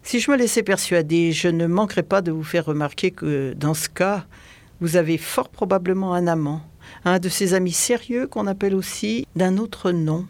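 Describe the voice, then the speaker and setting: A reader playing a seasoned police commissioner who presses a suspect step by step. His questions are measured but insistent. The sound is dry and close. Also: medium pitch, a little mellow, no echo, natural voice. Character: patient, probing middle-aged male police commissioner.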